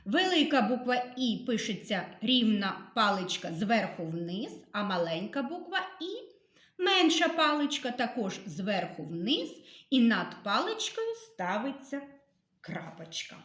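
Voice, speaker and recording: Slow, lively-voiced woman teaching letters. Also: fairly high pitch, roomy sound. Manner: slow, careful, sounding out letters and syllables; gentle, patient instructions. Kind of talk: literacy lesson for young children.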